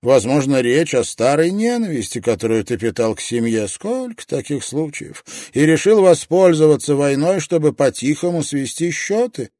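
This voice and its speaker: A man voicing a calm, sarcastic male detective interrogating a suspect in an audiobook. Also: a little high, moderate pace, hardly any pauses, no room sound, clean studio sound, pitched above the performer's own voice. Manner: sarcastic, coolly reasoning. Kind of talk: audiobook character voice.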